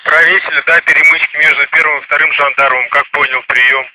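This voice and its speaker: Man on crackly two-way radio, sharp tone. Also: a little high, steady tone, brisk. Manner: clipped, repeats phrases for confirmation. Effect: crackly walkie-talkie radio. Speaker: climber reporting by radio. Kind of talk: two-way radio exchange, procedural call-outs.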